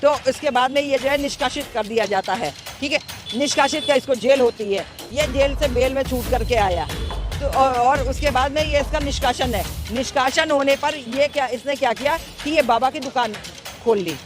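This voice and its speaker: A woman's voice: high voice, moderate pace, over music. A woman answering a street interview outdoors, emphatic and indignant, often asking "right?" as she makes her points.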